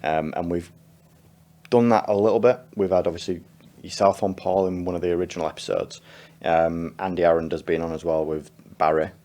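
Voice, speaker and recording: Deep voiced guy hosting a podcast, chatty, laughs a lot, lots of ums. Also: fairly even intonation, a little fast, mellow. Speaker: podcast host. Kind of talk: casual podcast chat.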